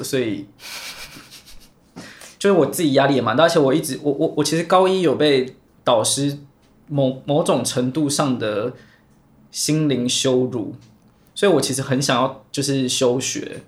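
A man's voice: medium pitch, lively intonation, normal speed. A young man, telling a long personal story on a chat podcast, rambling and restarting often. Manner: rambling, many restarts and repeated words. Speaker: podcast co-host.

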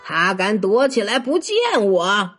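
A woman's voice: mid-range voice, expressive, a little slow, a bit bright, faint music behind. A woman voicing an angry, pompous male prefect who scolds and blusters. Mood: indignant.

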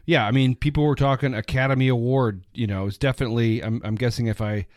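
A man in his fifties hosting a podcast, talking about films in a loose, rambling, enthusiastic way. His voice sits in an ordinary middle pitch. The recording is dry and close. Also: fairly even intonation, quick pace, a little mellow, dry recording. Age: 50s. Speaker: podcast host. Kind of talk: casual movie chat.

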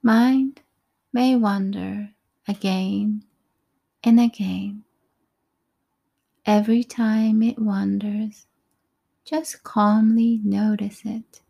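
A woman leading a guided breathing meditation in a soft, breathy, calm voice, with unhurried short phrases and pauses. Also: medium pitch. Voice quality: soft, breathy, often near a whisper.

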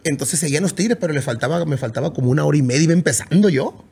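Brief: male band singer, rough gravelly voice, animated and salty. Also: on the high side, racing. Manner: animated, swears freely, imitates drum hits with his voice. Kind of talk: casual interview storytelling.

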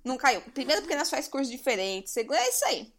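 Young woman, podcast co-host, high and animated, quick to laugh. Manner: laughs often, animated and playful. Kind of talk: casual podcast chat.

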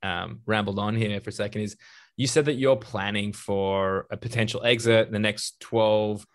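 A man's voice: on the low side, fairly even intonation, moderate pace. A man hosting a podcast interview, chatty and rambling, who laughs often. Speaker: podcast host. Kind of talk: casual interview.

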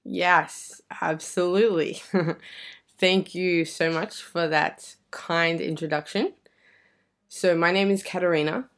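A woman's voice: on the low side, fairly even intonation, takes it slowly. A woman with an Australian accent, a guest on a podcast, talking in a reflective way with easy laughter. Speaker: guest, energy and mindset coach. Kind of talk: casual podcast interview. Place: indoor room.

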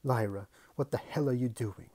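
A man voicing a fierce, quick-tempered nobleman uncle who barks loud orders in a storybook reading. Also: fairly low pitch, slightly rough. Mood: furious. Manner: barking orders, raised voice. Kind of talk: audiobook character voice.

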